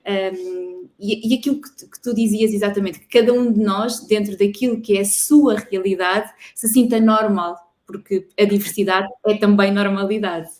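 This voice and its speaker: Woman interview host, measured and a bit hesitant, roomy echoey sound. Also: medium pitch, steady tone, a little mellow. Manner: measured, hesitant with fillers, leading questions. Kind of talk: interview conversation.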